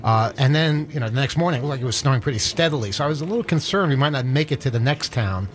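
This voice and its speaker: A man's voice: medium pitch, animated, very fast. A man hosting a radio show in a studio, chatting casually and rambling with many self-deprecating restarts. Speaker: radio host. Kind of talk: casual on-air banter.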